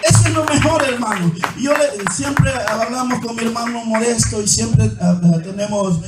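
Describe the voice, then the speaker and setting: High-voiced preacher in an echoey church. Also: male voice, moderate pace. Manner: calls the listeners "hermano" again and again; reads scripture aloud with a running commentary. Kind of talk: sermon. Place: church hall. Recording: echoey church hall, mic far off, faint music.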